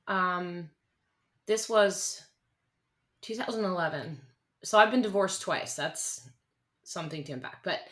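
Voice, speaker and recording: Woman, 30s, interview guest, earnest, halting, bright tone. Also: fairly low pitch. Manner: earnest, halting, many restarts. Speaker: guest, country singer-songwriter. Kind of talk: candid interview conversation.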